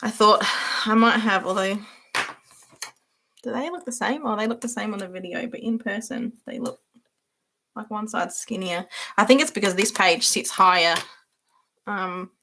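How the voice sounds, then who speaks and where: A young woman hosts a relaxed livestream, chatting as she goes and giggling often. Her voice has a touch of gravelly fry, and she answers viewers by name in a friendly, rambling way. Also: mid-range voice, normal speed, long pauses, slight background noise. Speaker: livestream host. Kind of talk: casual livestream chat while journaling.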